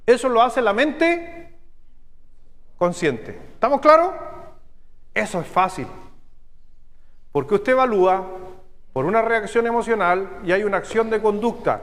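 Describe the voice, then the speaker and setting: A man with a Chilean accent preaching a sermon as pastor, teaching step by step and checking in with his listeners through quick questions. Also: sits high, expressive, fairly bright tone, big-room sound. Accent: Chilean Spanish. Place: church sanctuary.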